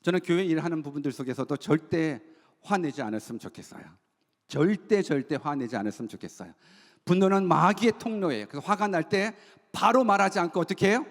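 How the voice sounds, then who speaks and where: A pastor with a somewhat high voice, lively intonation, and brisk delivery addresses his congregation in a church sanctuary. His sermon is full of rhetorical questions and call-and-response lines. Long hall reverb colors the sound.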